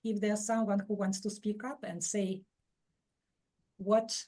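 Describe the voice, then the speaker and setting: A woman from Ukraine hosts an online teaching workshop, her voice warm and mellow. She talks in a measured, steady way, with the odd filler and restart. It sounds like a video call. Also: medium pitch. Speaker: webinar presenter.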